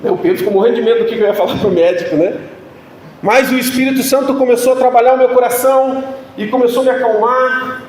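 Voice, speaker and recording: A man's voice: very high-pitched, steady tone, fast talker, a little hiss or hum. A man preaching a sermon as pastor, telling a humorous, self-mocking personal story. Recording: echoey room sound.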